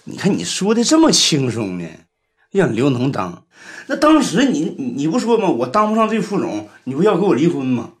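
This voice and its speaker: A man's voice: a little high, huge pitch swings, moderate pace. An actor playing a middle-aged, worried village deputy boss, grumbling at his wife. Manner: grumbling, complaining.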